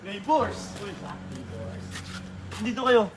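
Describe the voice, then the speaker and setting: A man's voice: sits high, slow, background noise. A man caught in a prank, scared and pleading, crying out for help outdoors. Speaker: prank target. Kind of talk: casual speech.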